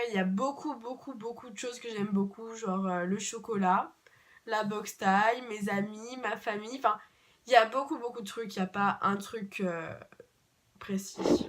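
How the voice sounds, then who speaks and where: A young woman from France answering viewer questions in a casual vlog, chatty and repeating words for emphasis. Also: mid-range voice. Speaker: vlogger. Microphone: camera mic.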